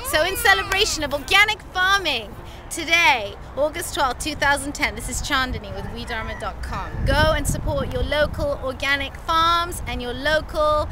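A woman's voice: sits high, moderate pace, music in the background. A woman in her forties hosting a casual vlog at a farm, talking enthusiastically to a camera held at arm's length. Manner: enthusiastic, effusive. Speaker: vlog host. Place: outdoors on a busy farm. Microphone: handheld camera at arm's length. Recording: noisy outdoor camera audio with crowd. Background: crowd chatter and outdoor noise.

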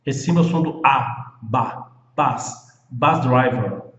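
A man from Brazil teaching English pronunciation, slowly repeating each word many times. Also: mid-range voice, fairly bright tone. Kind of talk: pronunciation lesson. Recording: dull echoey room, long reverb.

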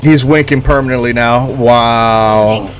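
A man casually commentating his own horror game play for viewers, excitable and quick to exclaim. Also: medium pitch, crowd noise. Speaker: gaming streamer.

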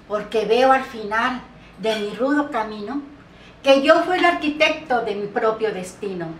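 A woman in her seventies declaiming poetry in a grand, solemn, theatrical manner with emphatic phrasing. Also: fairly high pitch. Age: 70s. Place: small bare indoor room by a door. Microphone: camera mic a few steps away. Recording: roomy echo, distant mic, faint noise.

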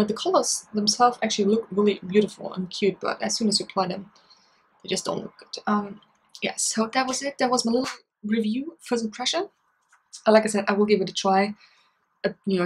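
A young woman films a casual beauty review at her desk in a small bedroom. Her voice is a little husky and sits at an ordinary pitch. She rambles in a friendly, chatty way, full of fillers. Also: low-quality recording. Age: young adult. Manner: chatty, many fillers like "you know" and "um". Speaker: beauty vlogger.

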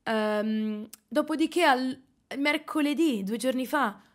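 A Milanese woman chatting casually on a live stream, animated and slightly hoarse, with quick asides to her chat. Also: high voice. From Italy. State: slightly hoarse after concerts.

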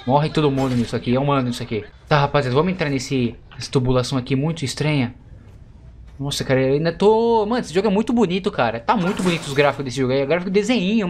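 A man from Brazil giving excitable, chatty let's play commentary to his viewers. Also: fairly high pitch, a little hiss or hum. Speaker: gaming YouTuber.

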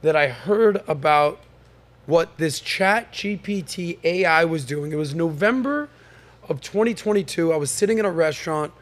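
An American man hosts a casual podcast panel, upbeat and joking, his talk full of fillers and restarts. His voice is a little high and animated, moving at a normal speed.

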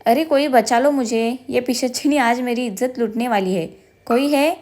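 Cheeky young husband who keeps teasing his wife, a lady reading him in a story, highish voice. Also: lively intonation, normal speed, a little mellow, lightly acted. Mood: mock dramatic. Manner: teasing, joking.

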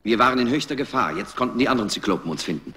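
A man playing a cunning Greek hero-king who narrates his own tale with brisk urgency in a radio drama. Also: mid-range voice, expressive, sharp tone, a little hiss or hum. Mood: tense.

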